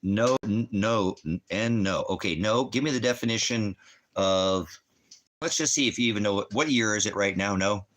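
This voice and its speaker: A man with a fairly low, slightly bright voice talks at normal speed. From his home, next to a fireplace, this ministry teacher hosts a rambling livestream on the Bible, speaking to commenters in a blunt, challenging way and often answering the questions he raises.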